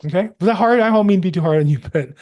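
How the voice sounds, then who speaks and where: A man coaching real estate agents over a video call, encouraging and animated, with self-deprecating asides. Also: high voice, very fast, dull audio. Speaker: probate coach hosting a live call.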